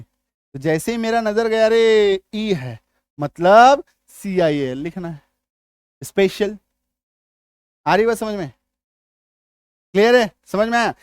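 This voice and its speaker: Male English tutor, high voice, dry close sound, drags out example words, keeps checking students follow. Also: clear, resonant tone, dry recording. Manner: repeats checks like "आ रही बात समझ में?"; stretches out example words slowly. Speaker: English teacher. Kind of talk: spelling lesson.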